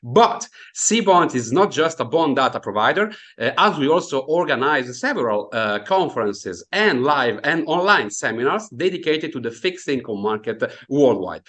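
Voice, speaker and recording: His pitch swings widely around a medium center, and his tone is fairly bright as this Italian-accented man from Italy, in his thirties, runs an online finance seminar. Speaking from a home room on a video call, he moves at a moderate pace with few pauses but plenty of fillers and hesitations.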